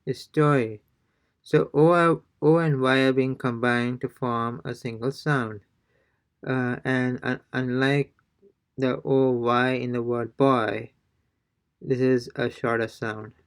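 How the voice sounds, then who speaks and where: A man's voice: mid-range voice, steady tone, slow pace, clean tone. A man teaching a casual language lesson, hesitant, with many fillers and restarts. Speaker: Spanish teacher.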